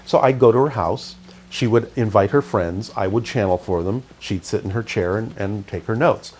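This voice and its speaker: In a reflective interview, a middle-aged man recalls what he's been through, his tone calm, measured and understated. He's from Canada, though he was raised in California.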